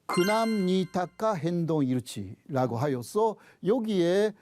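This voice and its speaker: A man's voice: high voice, animated, takes it slowly, darkish tone, soft background music. A man, a professor and native Japanese speaker, lecturing on history with a Japanese accent in a didactic way, posing questions and then answering them.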